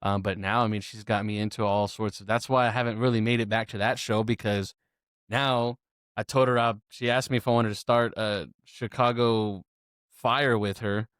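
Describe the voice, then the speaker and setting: A young married man co-hosting a podcast, telling rambling, animated stories in casual chat. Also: lowish voice, moderate pace, clear, resonant tone, no echo, clean studio sound. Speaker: podcast co-host.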